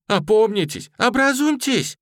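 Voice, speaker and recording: A man's voice: sits high, sing-song, a little slow, fairly bright tone, no echo, clean studio sound, pitched above the performer's own voice, full character voice. A man doing a furious haughty young lady. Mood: outraged.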